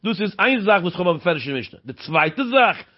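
A man's voice: high-pitched, big pitch swings, moderate pace. A man explaining a Talmud passage in a sing-song cadence, asking rhetorical questions along the way. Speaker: Talmud teacher. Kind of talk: Talmud study lecture. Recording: dull lo-fi recording.

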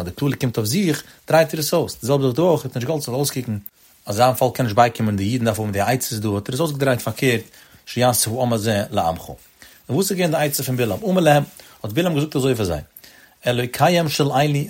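A man with a husky, slightly breathy voice gives a Torah lecture at a brisk pace. He pronounces the way. He draws out the verses he quotes, then hurries through his explanation of them. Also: medium pitch, darkish tone. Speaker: Torah teacher.

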